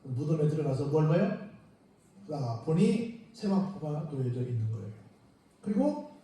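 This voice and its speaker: A man's voice: fairly high pitch, big pitch swings, normal speed, warm tone, a little hiss or hum. A man preaching a sermon as pastor, retelling the story with acted-out quotes and questions to the congregation. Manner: storytelling, acting out the disciples and Mary in quoted speech; asks the congregation frequent rhetorical questions. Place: church sanctuary. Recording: very echoey church room, mic at a distance.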